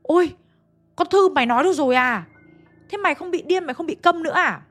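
A woman's voice: very high-pitched, lively intonation, quick pace, fairly bright tone, soft background music, pitched above the performer's own voice. A woman voicing astonished middle-aged village men who exclaim in shock.

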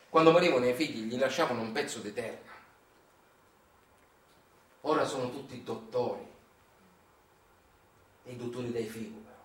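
In a lightly acted, medium-pitched voice, a stage actor performs a theatrical monologue as a bitter, anguished Sicilian father from the countryside, using a Sicilian accent. The mood is grave and sorrowful, the delivery chanted, declaimed, emphatic and incantatory with repeated phrases, and the recording is roomy and distant, with music.

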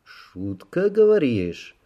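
A man's voice: mid-range voice, big pitch swings, takes it slowly, mellow, lo-fi sound, voice pushed up. A man putting on Ray, a curt, cold-voiced commander. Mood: cold menacing. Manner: curt and brusque. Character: hard, commanding male leader, coldly menacing.

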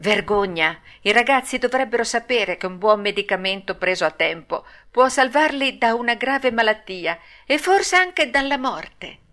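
A woman reading an audiobook and voicing a patient, motherly fairy who speaks calmly and slowly. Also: a little high, voice pushed up. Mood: gently scolding. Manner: calm, patient, slow. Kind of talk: audiobook read-aloud.

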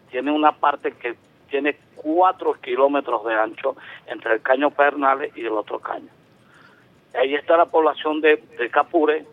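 Heard through a tinny phone line, a radio caller in his seventies from Venezuela speaks at medium pitch with no echo. He talks for a long time, stressing his words and frequently restarting his thoughts.

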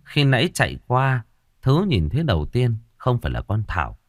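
Lively male ghost-story narrator. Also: mid-range voice, moderate pace, dry recording, clean studio sound.

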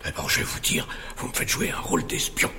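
An actor playing a fussy lawyer who whispers peevish protests while sneaking around. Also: male voice, a little fast, echoey room, noisy background, natural voice. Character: fussy, indignant male lawyer sneaking about.

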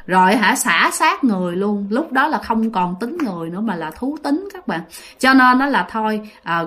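A woman who tells ghost stories in a chatty, casual way and talks straight to her listeners. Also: mid-range voice. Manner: chatty, addresses listeners directly, many fillers. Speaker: ghost story narrator. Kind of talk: casual storytelling.

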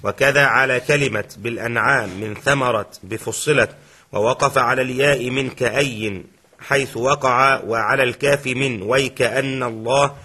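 A man reading a classical recitation text aloud in class, in a steady formal way. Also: medium pitch, moderate pace, breathy edge.

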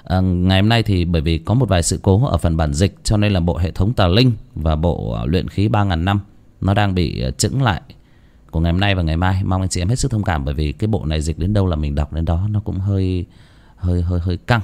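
A man hosts a story channel and narrates a village ghost tale. His voice sits low but moves with a lively rise and fall, and he often pauses with filler sounds. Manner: hesitant, many fillers in the intro. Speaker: story channel host and reader.

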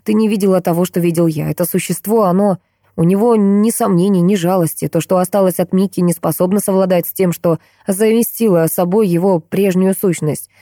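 A woman's voice: on the low side, steady tone, a little fast, mellow, dry recording, studio quality, lightly acted. A woman voicing a middle-aged doctor, a strict and agitated father who speaks sharply and sternly. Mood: pleading.

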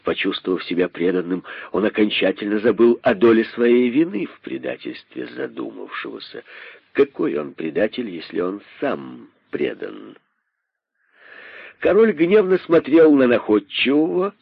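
A man narrating a story for radio with expressive storytelling. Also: lowish voice, normal speed, gravelly, slightly rough, no echo. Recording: dull, dry radio recording.

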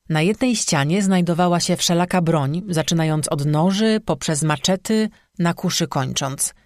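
A man narrating a fantasy audiobook in a measured storytelling manner. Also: a little high, no echo, studio quality. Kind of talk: scripted narration.

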